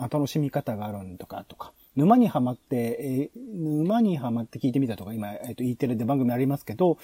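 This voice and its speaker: A male podcast host casually talks through plans, explaining proposals in a halting way: he hesitates often, draws out filler vowels and corrects himself mid-thought. His voice is mellow and a little husky, with pitch that moves around a lot, and there's no echo.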